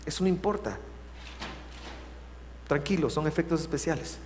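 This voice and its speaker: A man with a Guatemalan accent preaching a sermon as pastor, moving between loud emphasis and hushed, drawn-out words. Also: fairly high pitch. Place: church sanctuary. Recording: reverberant hall, faint hum.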